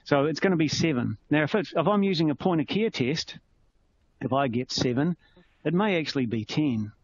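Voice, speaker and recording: A man's voice: a little high, expressive, moderate pace. Kiwi man teaching a medical webinar. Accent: New Zealand. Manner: conversational, explaining with everyday analogies. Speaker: clinician presenting a webinar. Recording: slightly muffled with faint noise.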